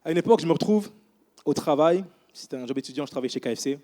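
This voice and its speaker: A man's voice: a little high, rapid-fire. A man in his thirties preaching a sermon in church, telling stories with casual asides to the congregation. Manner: animated storytelling with casual asides.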